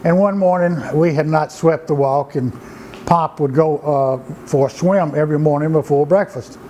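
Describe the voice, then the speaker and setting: An older man tells folksy family stories at an easy pace. His voice sits a little high for a man, and he keeps stumbling over restarts and filler words. A faint background noise runs under the recording. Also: dark tone, poor audio. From Georgia, USA. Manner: unhurried, halting with many "uh"s and restarts. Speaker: storyteller and writer. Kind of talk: folksy anecdotal storytelling.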